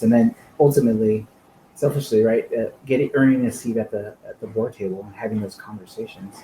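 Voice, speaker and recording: A man's voice: on the low side, mellow, slight background noise, poor audio. A man giving a conversational presentation at an online user group meetup, with frequent fillers, on a computer microphone. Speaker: guest presenter. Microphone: home computer microphone on a video call.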